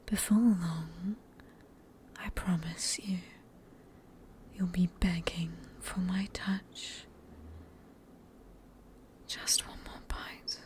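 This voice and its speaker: A woman with a British accent playing a sadistic, possessive female vampire in a whispered ASMR roleplay, breathy and teasing, with condescending endearments. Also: lowish voice, steady tone, drawn-out words, long pauses, a little mellow. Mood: teasing, menacing.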